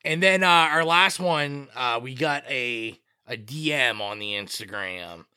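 A man's voice: medium pitch, a little slow, sharp tone, clear, resonant tone, no echo, clean studio sound. A man co-hosting a podcast, chatting casually and reading out listener responses, with plenty of fillers and restarts. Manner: rambling with many fillers and restarts.

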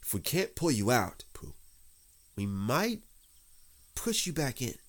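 A man's voice: medium pitch, sing-song, takes it slowly, pitched above the performer's own voice. A man voicing a fussy, stern storybook rabbit who speaks in a proper, politely pointed way. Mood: practical.

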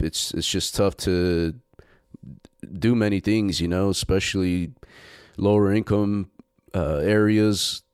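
Low voiced dude, smooth and clean, cussing a lot while hyping up mental toughness, dry sound. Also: male voice, a little mellow, dry recording. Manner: profane and emphatic, unhurried. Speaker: business owner giving motivational talk. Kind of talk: motivational monologue.

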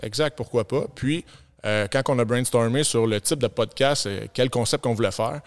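Québécois man, podcast co-host, smooth resonant voice, keen and explanatory. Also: mid-range voice, normal speed. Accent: Québécois French. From Quebec. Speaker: podcast co-host, gym owner. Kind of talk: casual chat.

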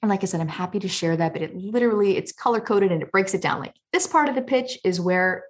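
A woman guest on a podcast, giving advice in an energetic, emphatic coaching way. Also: medium pitch, fast. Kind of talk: conversational interview.

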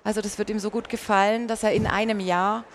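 A woman's voice: mid-range voice, fairly even intonation, fast talker, slight background noise. A woman, a painter and singer, talking as an interview guest, recounting her path in a reflective way. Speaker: guest, painter and mezzo-soprano. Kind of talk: conversational interview storytelling.

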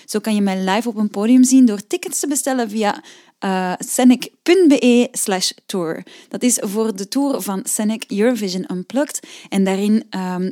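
A woman's voice: mid-range voice, warm tone. A Flemish woman in her thirties hosting a singing-lesson podcast, explaining exercises in a chatty way with frequent fillers. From Belgium. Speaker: podcast host and vocal coach.

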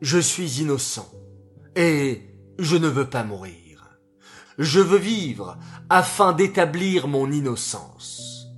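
A man's voice: a little high, sing-song, slow, faint music behind. A man doing an earnest, pleading young captain. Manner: earnest, pleading protests of innocence. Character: young army captain, wrongly accused, proud.

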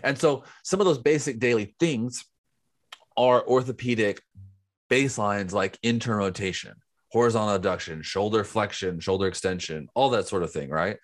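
A man's voice: lowish voice, moderate pace. A man co-hosting a podcast in casual chat, explaining things step by step. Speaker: podcast co-host.

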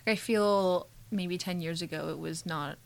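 A young woman co-hosting a casual podcast from a spare bedroom, chatty and quick to laugh, often restarting her sentences. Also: on the low side, gravelly. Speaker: podcast co-host.

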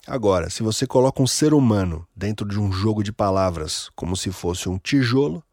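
Um homem com sotaque brasileiro que apresenta um episódio sobre música e analisa uma canção de um jeito descontraído, com palavrões e pequenos exemplos cantados. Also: male voice, on the low side, animated, fairly quick, darkish tone, no room sound, clean studio sound. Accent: Brazilian Portuguese. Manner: casual, profane, demonstrative, sings short examples. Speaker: music educator. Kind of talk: casual music analysis episode.

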